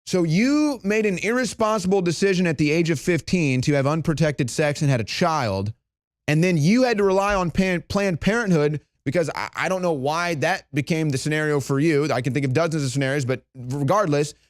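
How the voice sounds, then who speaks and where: A man delivering heated news commentary, sarcastic and indignant. He pushes to loud, emphatic peaks. His voice sits a bit high and sounds dry and close to the mic. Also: expressive, fairly quick, no room sound.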